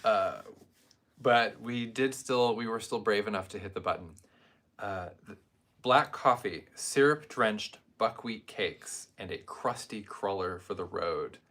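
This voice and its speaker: A man's voice: fairly low pitch, measured pace, a bit bright. A man co-hosting a casual perfume review, rambling with wry jokes and asides. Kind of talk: casual chat.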